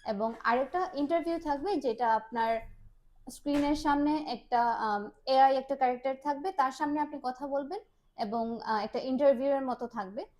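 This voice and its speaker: A woman's voice: sits high, normal speed, darkish tone. A woman, a business development manager, explaining a test's format in an interview. She speaks mixed with English phrases, with many "ah" fillers.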